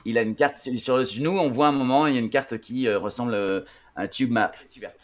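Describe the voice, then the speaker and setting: A man's voice: mid-range voice, quick pace. A man teaching English pronunciation on a TV show, talking with many fillers and restarts. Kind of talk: classroom-style TV lesson.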